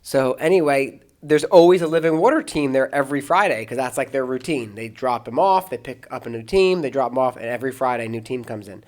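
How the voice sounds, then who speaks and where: A man's voice: medium pitch, fairly quick, hardly any pauses. A man, an American pastor and podcast host, telling long anecdotes in casual chat, with many restarts and bursts of laughter.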